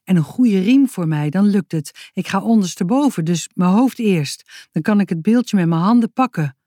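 A woman's voice: medium pitch, lively intonation, normal speed, warm tone, no echo, studio quality, close to an everyday voice. A woman voicing an eager, inventive young boy in a read-aloud storybook.

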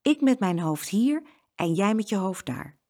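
A woman voicing a young boy in a storybook, calling out with high, drawn-out cries. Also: sing-song, mellow. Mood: cheerful. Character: scared little boy, sleepy then panicky.

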